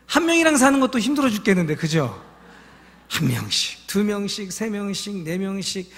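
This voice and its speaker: A pastor preaches a sermon in a church sanctuary, his high-pitched, slightly bright voice filling a large hall. He tells stories with emotion and puts questions to the congregation.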